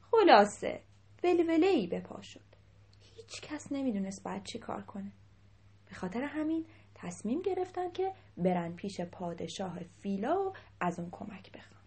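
A woman telling a children's story in a lively voice, dropping into whispers at times. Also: mid-range voice, breathy edge. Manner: animated, dips into whispers.

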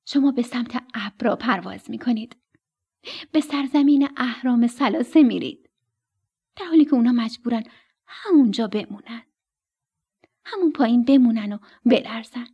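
A woman's voice: on the high side, pauses often, dark tone, slightly rough, muffled recording. A woman voicing a strict, protective mother stork in a children's radio story. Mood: reassuring. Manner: coaxing, instructive.

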